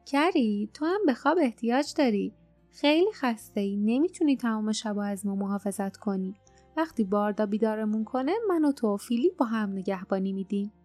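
A woman voicing a bold young woman traveler who talks quickly and tenderly to her companions. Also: medium pitch, lively intonation, a little mellow, dry recording, close to an everyday voice. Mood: gentle. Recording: dry close mic, faint music underneath.

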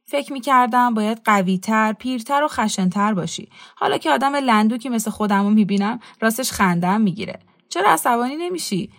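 A woman's voice: fairly high pitch, creaky, no room sound, clean studio sound. A teasing lanky young man , as a woman reads him. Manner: teasing, blunt questions. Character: cheeky, mocking young man, lanky and curious. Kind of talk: storybook reading.

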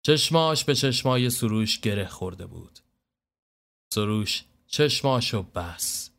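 A man reading a scripted story in a steady, even narrating voice. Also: lowish voice, vocal fry.

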